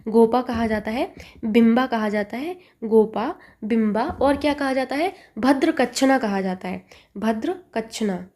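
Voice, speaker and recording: Mellow-voiced woman teaching an exam lesson. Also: fairly high pitch, a little slow. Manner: asks quiz questions and repeats the answers.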